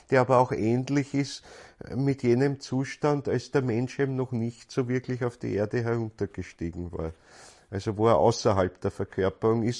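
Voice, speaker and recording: A man's voice: mid-range voice, darkish tone. A man gives a spiritual lecture in a thoughtful, searching way, often repeating words as he goes.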